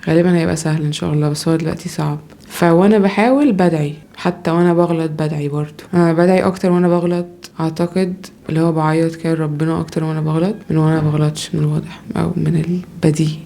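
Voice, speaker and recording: Fast, flat-voiced Egyptian woman rambling. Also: sits low, gravelly. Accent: Egyptian Arabic. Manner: rambling, reflective, self-doubting. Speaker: podcaster, mother. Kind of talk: casual personal monologue. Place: at home.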